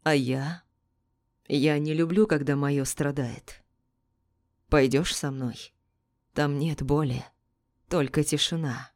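A woman voicing Death as a cold male spirit who speaks softly and mockingly. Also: sits low, fairly even intonation, slow pace, pauses often. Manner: soft, whispering, mocking.

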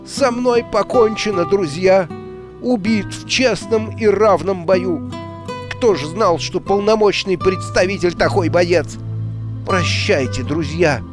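A man putting on a boastful mock fencer who roars his lines high and hard, every word thrown out like a stage challenge. The voice sits well above an everyday man's range and stays loud and showy, with music playing behind the reading. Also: takes it slowly. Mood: mock dying. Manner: loud, theatrical shouting. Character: blustering grown man hamming up a mock sword duel.

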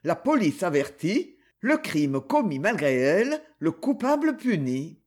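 A male audiobook narrator reads at an unhurried pace. His high voice moves through a lively range, and his tone is slightly husky.

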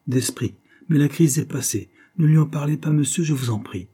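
A man reading an audiobook, voicing a calm, loyal young man who lectures his friend. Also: fairly high pitch, normal speed, husky, voice pushed up. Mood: earnest. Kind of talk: audiobook character voice.

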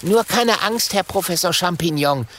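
A man's voice: high-pitched, expressive, normal speed, a bit bright, a little hiss or hum, voice pushed up. A man voicing a young, bookish male dragon who explains things earnestly and eagerly.

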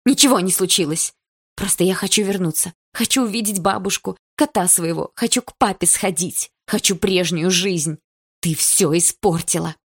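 A woman's voice: lowish voice, normal speed, breathy edge, voice pushed up. A woman voicing a teenage schoolgirl who pleads and then argues heatedly in an audiobook. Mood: angry. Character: teenage schoolgirl, upset and defiant.

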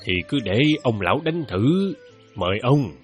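An actor playing a proud but courteous village chess master who chuckles easily. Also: male voice, medium pitch, sing-song, measured pace, darkish tone, faint music behind. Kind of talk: radio play acting.

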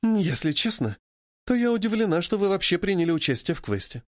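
A man voicing a sharp-tongued young woman, a former thief, speaking in a raised, indignant voice. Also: high voice, very animated, fairly quick, no room sound, clean studio sound, pitched above the performer's own voice. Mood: surprised.

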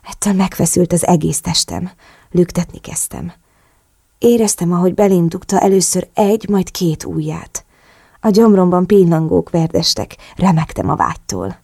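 A woman narrates a romance novel in the first person, slow and intimate. Her voice sits low with a gravelly edge and a dark, mellow tone. The recording is dry and close. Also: fairly even intonation, no room sound. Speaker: audiobook narrator.

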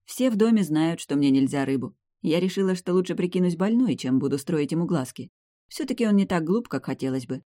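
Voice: mid-range voice, animated, warm tone, no echo, clean studio sound, lightly acted. Чтец изображает язвительную молодую вампиршу, аудиокнига, сухая запись. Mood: confiding. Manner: quick, snappy retorts. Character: young female vampire heroine, sharp-tongued and scheming. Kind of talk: audiobook character voice.

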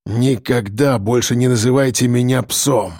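A man voicing a stubborn, restrained male bodyguard who speaks low and tersely. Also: normal speed, darkish tone, dry recording, studio quality, natural voice. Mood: grim.

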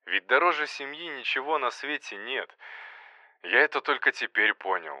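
Brief: male reader as a pleading phone friend, sharp bright tone, dry sound. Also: mid-range voice, animated, normal speed, no room sound, pitched above the performer's own voice. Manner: pleading, sighing.

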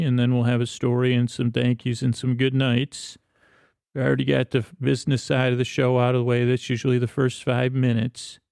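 Creaky monotone guy hosting a sleep podcast, soothing rambly talk, lots of pauses, faint music behind. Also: medium pitch, no echo, clean studio sound. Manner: lulling, soothing, meandering, with pauses and self-corrections. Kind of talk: rambling bedtime monologue.

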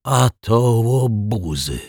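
A man's voice: fairly low pitch, sing-song, measured pace, husky, no room sound, clean studio sound, voice pushed up, full character voice. A man reading a children's story, voicing a worn-out older caretaker who sighs and grumbles gloomily. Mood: alarmed. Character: weary older male caretaker, anxious and gloomy.

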